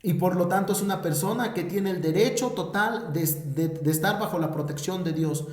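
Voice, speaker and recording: A man's voice: high-pitched, normal speed, darkish tone. A Mexican man teaching a Bible lesson in an earnest preaching manner, often repeating words as he searches for the next phrase. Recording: echoey room.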